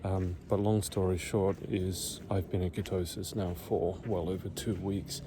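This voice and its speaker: A middle-aged vlogger walks uphill outdoors through a quiet neighborhood, talking casually in a hushed whisper and out of breath. His deep voice stays level and unhurried against background noise.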